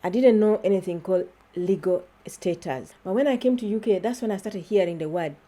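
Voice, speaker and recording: Woman, casual vlog chat, mid-pitched voice, laughs often. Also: brisk, dark tone. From Uganda. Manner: chatty, laughs often, keeps addressing viewers as guys. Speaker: YouTuber.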